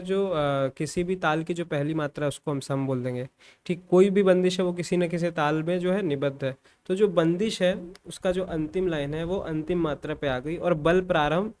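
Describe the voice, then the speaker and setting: A young man teaches music theory for an exam, his voice sitting a little higher than most men's. He walks through each term step by step, keeps checking in with his listeners and repeats the key points so they stick. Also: smooth. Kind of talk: exam-prep lecture.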